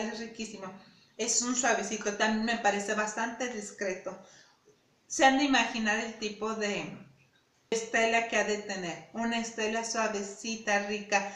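A woman's voice: medium pitch, fairly bright tone, reverberant. A woman reviewing perfumes in a casual, chatty way, often repeating herself and asking "¿sí?". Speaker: beauty vlogger.

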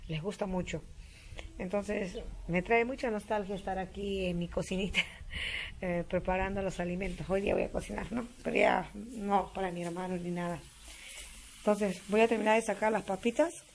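A woman's voice: medium pitch, fairly even intonation, normal speed, creaky, a little hiss or hum. A woman with a Peruvian accent, chatting homily to her viewers while cooking in a farmhouse kitchen. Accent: Peruvian Spanish. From Peru. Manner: chatty, homey, keeps addressing viewers as friends. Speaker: vlogger. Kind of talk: casual cooking vlog chat. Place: family home kitchen on a farm.

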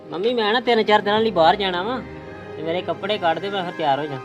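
A man's voice: sits high, fast talker, lo-fi sound, over music, lightly acted. Man as a curt neglectful husband. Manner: curt and dismissive. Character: neglectful young husband who later repents. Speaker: son and husband; channel host. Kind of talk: amateur family drama.

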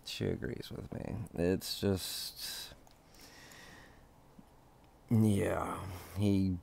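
Deep slow gravelly man chatting gossip. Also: fairly even intonation, darkish tone. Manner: chatty, laughs at his own remarks. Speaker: gossip channel host. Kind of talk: casual gossip chat.

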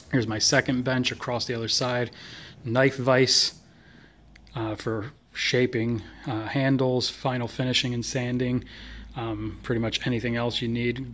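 A man's voice: mid-range voice, a bit bright. A man giving a casual tour of his home garage workshop, filmed on a handheld phone, chatting about his tools with plenty of fillers. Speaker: knife maker giving a shop tour. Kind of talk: casual shop tour walkthrough. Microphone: handheld phone camera.

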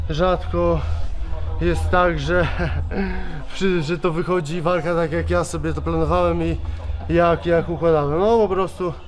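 A man in his thirties, worn out after a fight, answering reporters in a halting way, restarting and repeating words, speaking into handheld mics at a backstage press wall. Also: a little high, a little mellow. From Poland. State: exhausted. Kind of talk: post-fight press interview. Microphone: several handheld reporter mics held close.

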